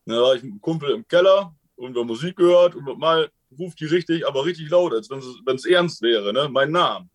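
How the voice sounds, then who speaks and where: A man in a casual interview, telling his own experiences in a rambling, colloquial way and often tagging sentences with a quick question. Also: a little high, expressive. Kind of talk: casual storytelling.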